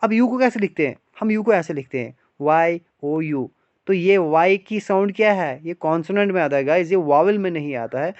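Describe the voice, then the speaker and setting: A man's voice: fairly high pitch, lively intonation, moderate pace, darkish tone, dry recording. A man teaching English grammar to exam aspirants, explaining step by step and asking rhetorical questions, speaking Hindi mixed with English. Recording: dry, slightly dull online lecture audio.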